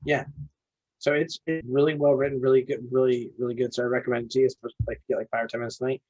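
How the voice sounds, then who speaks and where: A man's voice: medium pitch, flat delivery, racing, a little mellow. A man co-hosting a podcast in casual chat, rambling eagerly and restarting his sentences often. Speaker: podcast co-host. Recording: dull lo-fi recording.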